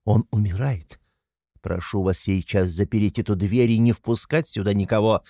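Мужчина изображает отчаянную гордую женщину. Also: male voice, fairly even intonation, warm tone, dry recording, clean studio sound, close to an everyday voice. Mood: indignant. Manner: rapid, shrill, breathless pleading. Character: frantic proud consumptive mother, woman.

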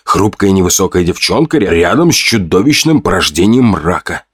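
A man giving expressive scripted narration of an audiobook. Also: low-pitched, normal speed, husky, no room sound, studio quality.

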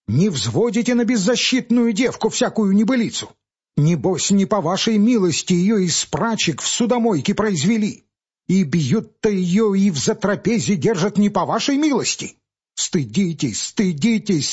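A man voicing a young, hot-tempered male village medic who shouts indignant reproaches, on a husky, lo-fi audiobook recording. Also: high voice, pitched above the performer's own voice, exaggerated voice.

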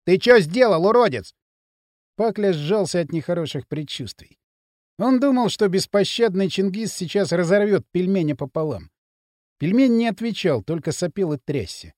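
A man's voice: high-pitched, lively intonation, moderate pace, dark tone, no echo. Male narrator, dramatic audiobook reading, dry close sound. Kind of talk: scripted narration.

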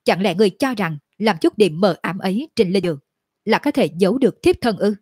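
A woman's voice: medium pitch, normal speed, warm tone, husky, no room sound, clean studio sound, close to an everyday voice. A woman voicing a cold, scheming female demon elder who speaks in an icy tone.

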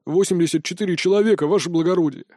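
A man's voice: sits high, rapid-fire, warm tone, no echo, clean studio sound. A man voicing a dutiful male soldier giving a formal report to his lord in an audiobook. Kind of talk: audiobook character voice.

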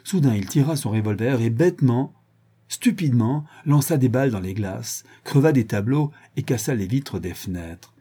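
A man narrating an audiobook in a measured, dramatic style. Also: mid-range voice, expressive, warm tone, husky. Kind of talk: scripted narration.

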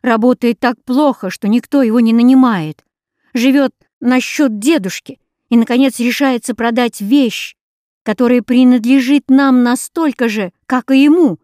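A woman's voice: fairly high pitch, animated, takes it slowly, darkish tone, dry recording, studio quality, pitched above the performer's own voice. A woman voicing an anguished, defiant young boy in an audiobook, speaking in bitter, pleading outbursts. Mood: outraged.

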